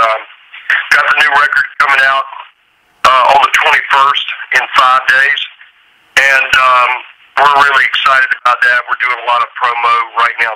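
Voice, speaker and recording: A man's voice: medium pitch, pushed and bright. A man being interviewed over a phone line as a visiting musician, talking in an easygoing, rambling way with lots of fillers. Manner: easygoing, rambling, full of "uh" and "you know". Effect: heard over a phone line. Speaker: musician guest. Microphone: telephone.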